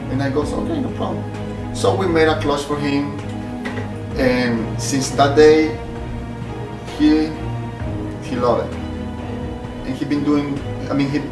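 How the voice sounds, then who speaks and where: With a voice on the high side, this middle-aged Salvadoran shop owner answers interview questions a little slowly, leaving long pauses and using plenty of fillers in a plain, hesitant manner. Recorded at his clutch workshop, the audio is roomy from a distant mic, with music behind.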